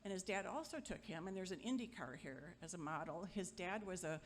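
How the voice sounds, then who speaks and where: A middle-aged woman giving an informal memorial eulogy, chatty and wry, joking with the crowd and sometimes halting. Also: lowish voice, animated, slight background noise. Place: gathering hall at a memorial.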